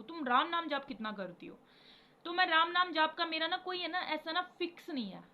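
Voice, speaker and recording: A tired young woman talking casually and rambling to her viewers about devotion, mixing English words into her Hindi and chanting repeated syllables now and then. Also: high voice. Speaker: spiritual vlogger. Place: home. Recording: dull lo-fi recording with faint background noise.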